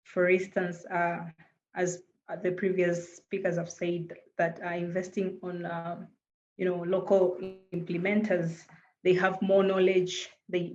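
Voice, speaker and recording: A native Swahili speaker from Tanzania, this woman answers earnestly as a panelist in a Tanzanian accent, hesitating with fillers and often repeating words as she searches for them. Her lowish voice is a little mellow, and the lo-fi recording has a little hiss or hum.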